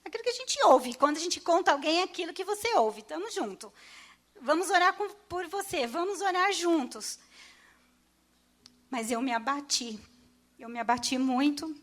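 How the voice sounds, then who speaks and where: High-voiced woman giving an emotional testimony. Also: animated, a bit bright. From Brazil. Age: middle-aged. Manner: emotional, halting, with restarts. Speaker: church testimony speaker. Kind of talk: personal testimony. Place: church.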